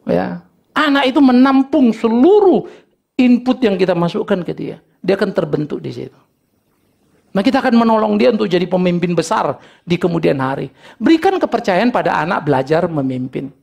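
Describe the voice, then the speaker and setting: A middle-aged man preaching a sermon, telling lively stories about family life and acting out little dialogues with humor. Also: sits high, normal speed, creaky. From North Sumatra, Indonesia. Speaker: pastor.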